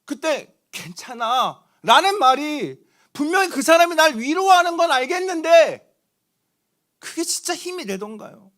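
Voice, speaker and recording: A young man preaches to a youth group, telling stories with animated swings between loud and hushed. His voice sits high and moves widely in pitch. The tone is bright and sharp. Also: measured pace. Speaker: youth pastor. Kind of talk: sermon.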